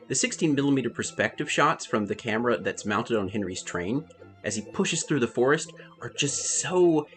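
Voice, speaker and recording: Animated man narrating a review. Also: mid-range voice.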